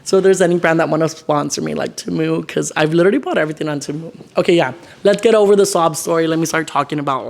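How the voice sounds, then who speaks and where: A man's voice: a little high, gravelly. Rambling young man venting to camera. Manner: rambling and venting, heavy use of "like". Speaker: vlogger. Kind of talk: casual sit-down chat to camera. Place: his decorated home.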